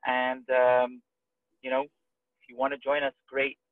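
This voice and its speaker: A man co-hosting a webinar, giving an upbeat, persuasive motivational pitch and asking his listeners questions. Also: monotone, unhurried, no echo. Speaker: webinar co-host. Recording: dry, tinny call audio.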